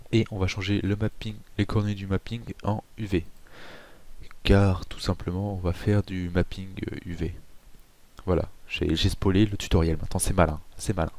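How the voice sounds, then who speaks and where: Low-voiced Frenchman explaining software. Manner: chatty, self-mocking asides, frequent fillers. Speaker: tutorial host. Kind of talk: casual screen-recorded software tutorial.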